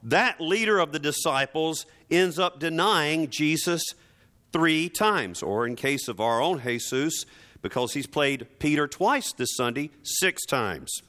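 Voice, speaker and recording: With lively intonation and a sharp tone, a preacher whose voice sits on the high side gives a dramatic sermon. His delivery is emphatic, theatrical and rhetorical, full of deliberate repetition and sardonic asides.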